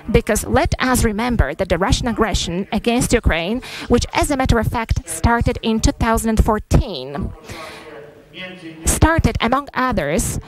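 A woman interpreting a press statement live into English, halting with frequent pauses and fillers. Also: on the high side, low-quality recording.

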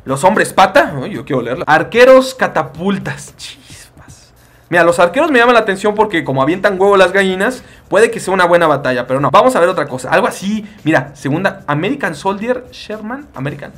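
A man's voice: sits high, animated, quick pace, few pauses, fairly bright tone. A man with a Mexican accent giving playful, joking commentary over a battle-simulation game, full of exclamations. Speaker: gaming YouTuber. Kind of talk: excitable gameplay commentary.

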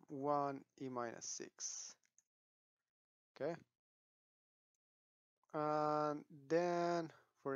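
Here a man talks through a software tutorial, his voice smooth and mid-pitched. He pauses on fillers and restarts sentences as ideas come to him, and the capture is dry, a little dull and free of echo.

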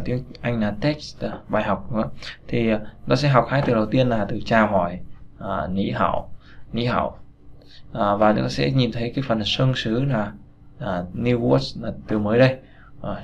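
A man teaching a language lesson in a casual, halting way, with many fillers and repeated words. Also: lowish voice, creaky. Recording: dull lo-fi recording with faint noise.

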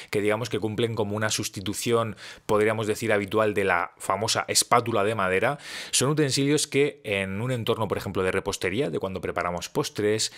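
Guy in his 30s, lowish voice, talks fast and animated, explainer vid his home office. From Spain. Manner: quick, animated, gesturing with both hands. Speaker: food science presenter. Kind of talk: explainer talk to camera. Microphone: studio condenser mic on a stand in front.

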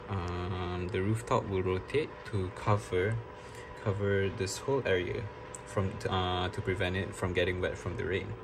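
A man's voice: sits low, background noise. A young man from Malaysia presenting a student class project, hesitant and apologetic with many fillers. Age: young adult. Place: home desk, indoors.

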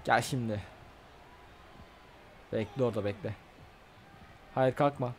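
A young man with a sore throat doing casual, excitable let's-play commentary, trash-talking his opponent and bursting into loud shouts. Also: mid-range voice, unhurried, a little hiss or hum. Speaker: gaming channel host.

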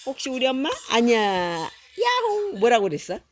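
A woman's voice: on the high side, wildly swooping pitch, normal speed. An older woman, a grandmother, reading a picture book aloud to a small child in a playful, coaxing way, imitating animal sounds.

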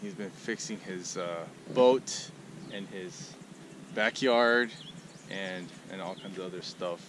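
A man's voice: low voice, slow. A middle-aged man hosting a casual fishing vlog at a lakeside park, chatty and laid-back, recorded on an action camera. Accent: Southern Californian. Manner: laid-back, chatty, excited bursts at catches. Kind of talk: casual outdoor vlog narration. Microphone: action camera mic. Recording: outdoor camera audio with clear background noise.

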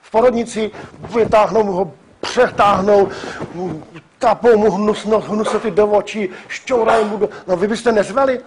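A man in his sixties from the Czech Republic giving a public lecture, emphatic and animated, with frequent hesitations and restarts. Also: high-pitched, slight background noise. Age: 60s. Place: lecture hall.

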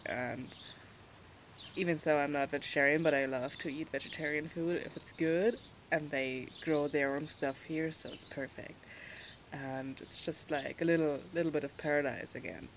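A woman on a walking trip, talking candidly to her camera in a casual vlog, outspoken and quick to swear. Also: deep voice, fairly even intonation, a little hiss or hum, rough recording. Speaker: pilgrim vlogger.

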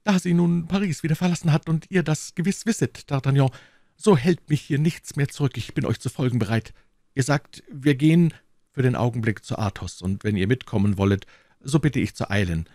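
A man's voice: mid-range voice, a little fast, warm tone, no room sound, clean studio sound, lightly acted. A man voicing an eager, determined young musketeer in an audiobook reading, speaking urgently and insistently.

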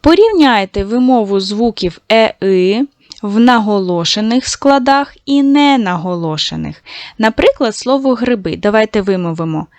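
A woman teaching a recorded lesson to young schoolchildren, patient and encouraging, slowly stretching out sounds to show how they are said. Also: mid-range voice, lively intonation, a little mellow, no room sound. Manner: praising, addresses children directly.

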